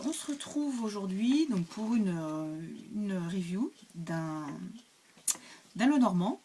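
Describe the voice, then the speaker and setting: A woman's voice: mid-range voice, mellow. A woman hosting her own cartomancy channel, reviewing a card deck in casual chat, hesitant with many fillers and restarts.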